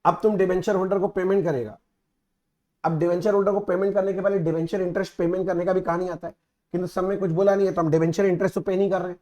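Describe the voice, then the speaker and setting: A man's voice: high-pitched, fairly even intonation, fast, dark tone. A man teaching accounting in a casual lecture, mixing Hindi and English and checking in with students often. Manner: mixes Hindi and English, asks students frequent check-in questions. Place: recorded teaching video.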